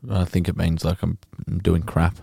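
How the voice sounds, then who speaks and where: A man with a low voice chats easily on a podcast, mostly giving short agreeing replies. His voice sounds dry and close to the mic. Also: flat delivery, moderate pace, creaky, warm tone, breathy edge, no echo. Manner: brief agreeing replies, easygoing. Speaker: podcast co-host. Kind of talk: casual conversation.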